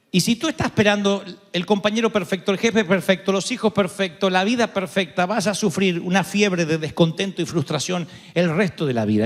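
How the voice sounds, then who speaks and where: High-voiced Argentine pastor in a reverberant hall. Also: male voice. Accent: Argentine Spanish. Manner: animated storytelling with sudden shouts and humor. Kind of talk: sermon. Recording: long reverb of a large hall.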